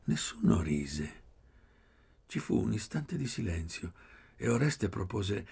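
A man reading a literary novel aloud, measured, often sinking to a soft, breathy near-whisper. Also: on the low side, sing-song. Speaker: audiobook reader. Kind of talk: literary audiobook narration.

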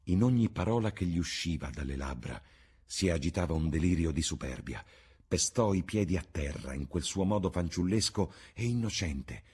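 A man narrates a classic novel in a measured, literary reading style. His voice is low and deep, with a husky, breathy grain. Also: darkish tone. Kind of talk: audiobook reading.

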